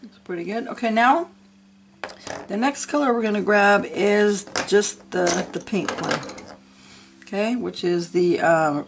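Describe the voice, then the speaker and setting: A middle-aged woman with a mid-range voice and vocal fry speaks unhurriedly over background noise as she talks through a coloring tutorial. Slightly sick and sniffling, she stays casual and encouraging, chatting to herself as she works.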